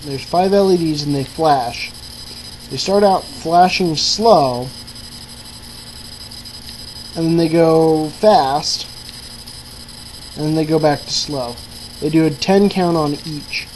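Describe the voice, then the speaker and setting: A hobbyist maker with a deep voice shows off an electronics project in a casual, improvised walkthrough. She speaks slowly with long pauses, hesitant and thinking aloud. The recording is clearly noisy, with a steady mains hum.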